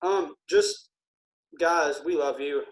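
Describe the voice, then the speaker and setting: A man who is feeling ill, a military veteran speaking earnestly and haltingly with many pauses in a casual podcast conversation. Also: fairly high pitch, rough recording.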